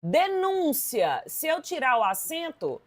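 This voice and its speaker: A woman with a Brazilian Portuguese accent teaches an exam-prep grammar lesson, speaking directly to her students in a lively, emphatic way. Her voice is fairly high and her speed normal.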